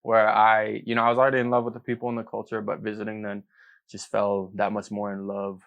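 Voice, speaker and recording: A young man with a voice on the low side of average hosts a casual podcast. He talks in an upbeat, joking manner with easy slang. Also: monotone, fast, creaky, highs cut off. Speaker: podcast co-host.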